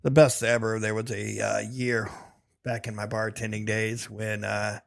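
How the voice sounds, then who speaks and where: A man's voice: fairly low pitch, flat delivery, unhurried, gravelly. A man co-hosting a casual sports podcast, laid-back and swearing, calling his friend bro and dude. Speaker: podcast co-host.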